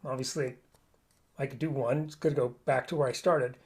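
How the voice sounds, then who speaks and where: A man's voice: medium pitch, steady tone, brisk, loud music behind the voice. A man teaching a live online flute lesson, explaining each step patiently.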